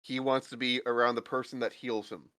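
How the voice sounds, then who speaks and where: Bright-voiced man, teasing tabletop player. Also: medium pitch, level tone. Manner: teasing, quick to argue. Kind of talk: casual chat at a tabletop game.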